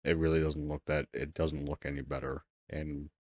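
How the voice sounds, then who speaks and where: A man's voice: a bass voice, flat delivery, moderate pace, darkish tone, no echo, studio quality. A man co-hosting a podcast in loose, casual chat, swearing freely and rambling. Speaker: podcast co-host.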